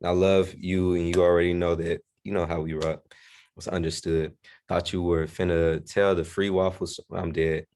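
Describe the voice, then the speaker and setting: A man's voice: deep voice, flat delivery, moderate pace, a little mellow. A young man leading a casual faith-group talk, laid-back and friendly with lots of slang. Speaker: group discussion leader.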